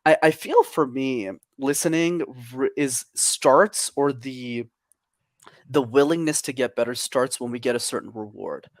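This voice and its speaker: Lively extroverted young man from Canada. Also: medium pitch, measured pace, no room sound, clean studio sound. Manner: energetic, extroverted storyteller. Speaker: podcast guest. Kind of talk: casual interview chat.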